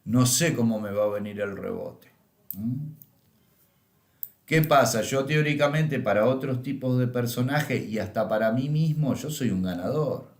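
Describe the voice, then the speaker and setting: A middle-aged man with a Rioplatense Spanish accent teaches astrology in a storytelling lecture, his voice sitting at an ordinary middle pitch. He keeps tagging his sentences with a questioning "¿m?" or "¿eh?". The room around him is noticeably echoey. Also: a little slow. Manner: tags lines with questioning "¿m?" and "¿eh?". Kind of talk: lecture with anecdotes.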